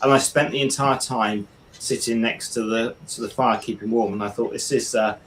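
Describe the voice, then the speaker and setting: A man hosting a paranormal livestream in a relaxed, casual way, often restarting his words, talking over a video call. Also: mid-range voice, moderate pace, slight background noise, low-quality recording.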